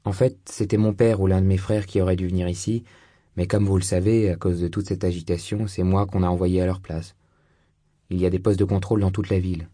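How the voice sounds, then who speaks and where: A man's voice: sits low, little pitch movement, brisk, dark tone, dry recording, studio quality. A man voicing a blunt, suspicious young woman, a hunchbacked locksmith's apprentice, in an audiobook reading. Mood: prickly.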